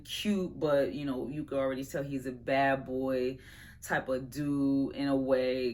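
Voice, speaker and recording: A woman chats through her favorite movies as a vlogger. She is animated and slangy, and she speaks right to her viewers. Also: extremely low pitch. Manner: animated, slangy and chatty, addresses viewers as y'all. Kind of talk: casual movie review chat.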